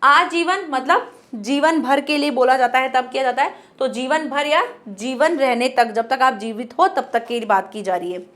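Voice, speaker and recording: High-voiced woman teaching grammar. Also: normal speed, fairly bright tone. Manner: explains step by step, asks and answers her own questions. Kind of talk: classroom lesson.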